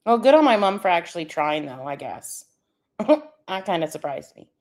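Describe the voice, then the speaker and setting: A woman with a lowish, slightly mellow voice chats casually with her stream viewers as a livestream co-host, reading and answering the chat. She speaks at a normal pace with big swings in pitch, laughing often with a slight wheeze.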